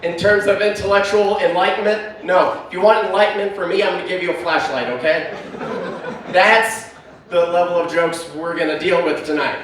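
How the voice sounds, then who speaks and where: Rambling high-voiced male stand-up comic. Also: moderate pace, a bit bright. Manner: rambling, self-deprecating, full of fillers. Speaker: stand-up comedian. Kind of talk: stand-up comedy set. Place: brewery stage. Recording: echoey room heard from far off.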